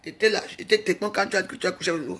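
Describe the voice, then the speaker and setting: A woman talking to her online followers in a mocking, scolding rant, full of quick restarts and jabs. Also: lowish voice, expressive, fairly bright tone. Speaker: social media personality. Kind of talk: ranting live video.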